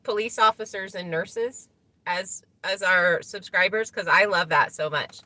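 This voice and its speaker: Broadcasting live from inside a truck, a middle-aged woman tells stories in a chatty way and laughs often. Her medium-pitched voice is bright and forceful, her pace measured, and the recording dry.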